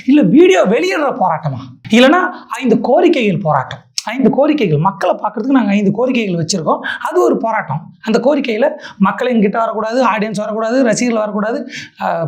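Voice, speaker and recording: A woman hosts a sarcastic political roast. She mocks her targets with a stream of rhetorical questions. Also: medium pitch. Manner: mocking, full of rhetorical questions.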